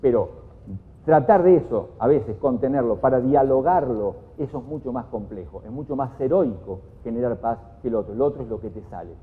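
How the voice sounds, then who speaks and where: A man with an Argentine Spanish accent giving a lively conference talk, jumping to loud, raised voices when he quotes people. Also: medium pitch, a little fast. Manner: animated, jumps to shouts when quoting people. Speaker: conference speaker. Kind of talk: lively lecture with acted quotes. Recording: echoey hall on a thin, phone-like sound.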